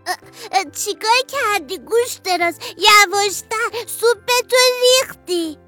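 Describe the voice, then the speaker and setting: A woman doing a high, bright little girl rabbit. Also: soft background music. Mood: scolding. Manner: sighing "ah, ah" before speaking. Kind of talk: children's storybook voice acting.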